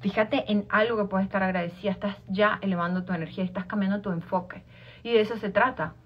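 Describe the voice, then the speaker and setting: A woman's voice: mid-range voice, fairly even intonation, fast, husky. A woman with an Argentine accent, a life coach giving an informal motivational talk, repeating herself and restarting phrases. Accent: Argentine Spanish. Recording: dull lo-fi sound.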